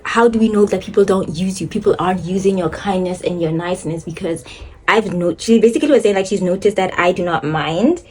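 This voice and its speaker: A woman's voice: on the low side, brisk, slight background noise. Young woman, casual vlog chat, phone recording, rambling, laughing. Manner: chatty and rambling, laughing often. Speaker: beauty and lifestyle vlogger. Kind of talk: casual chat while doing makeup.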